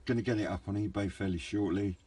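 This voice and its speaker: A man with a low voice talks fast and keeps a steady tone while casually reviewing a hobby product without a script. His delivery is hesitant, low-key and somewhat wandering. Clear background noise runs through the handheld camera recording.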